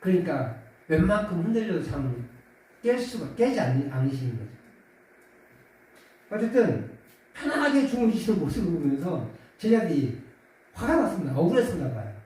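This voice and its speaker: A pastor, a man, preaches in a casual, chatty way, and his voice sounds mellow and warm. His pitch swings widely, and he raises it when he acts out the quoted voices. He sounds far from the mic in a very echoey church hall. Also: sing-song, moderate pace, long pauses. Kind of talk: sermon. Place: church sanctuary.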